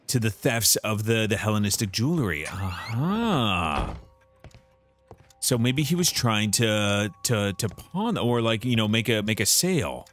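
Animated male streamer thinking aloud. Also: fairly low pitch. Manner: thinking aloud, frequent restarts and fillers. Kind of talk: live game commentary.

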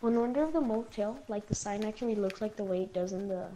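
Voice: medium pitch, quick pace. A player chatting casually during a video game, with teasing, profane banter. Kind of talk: casual gaming chat. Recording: clearly noisy game voice chat.

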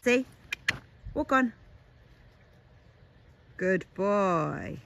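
Slightly hoarse young woman. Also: extremely slow, rough recording. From England. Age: young adult. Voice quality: softer than her usual voice. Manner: chatty, coaxing horse commands, lively pitch. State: voice still slightly hoarse after illness. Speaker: horse owner vlogging. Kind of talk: casual vlog while lunging a horse. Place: outdoor arena with horses.

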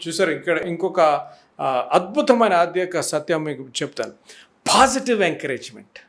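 Man, pastor preaching, high voice, emphatic with rhetorical questions. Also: very animated, normal speed, a bit bright, slight background noise. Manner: emphatic, rhetorical questions, mixes in English phrases. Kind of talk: sermon.

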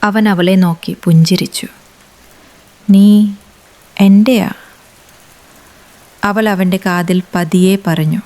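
A woman reading a romance story aloud as scripted narration, with a measured, unhurried delivery. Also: on the low side, fairly even intonation, a little mellow.

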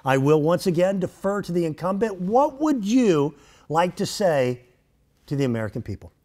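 A man in his fifties playing a composed TV debate moderator, measured and mock-solemn, stretching words for emphasis. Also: high-pitched, big pitch swings, warm tone. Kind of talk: mock news debate hosting. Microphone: lapel mic.

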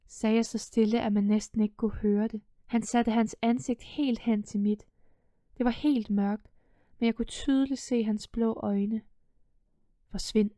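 A young woman narrates a first-person audiobook with a fairly high, mellow voice. Her reading is calm and measured, sinking to a near hush in the tense passages. The recording is dry and close. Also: dry recording.

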